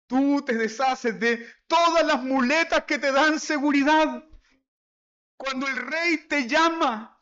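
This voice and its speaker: A man's voice: very high-pitched, bright, forceful tone, muffled recording. A Chilean man preaching a sermon as pastor, pressing the congregation with repeated rhetorical questions.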